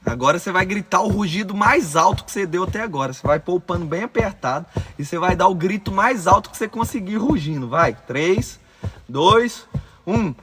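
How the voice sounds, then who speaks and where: A man's voice: high-pitched, expressive, brisk, loud music behind the voice. A man with a Brazilian accent guiding listeners through a visualization exercise, giving urgent, commanding directions as a course instructor. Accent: Brazilian Portuguese.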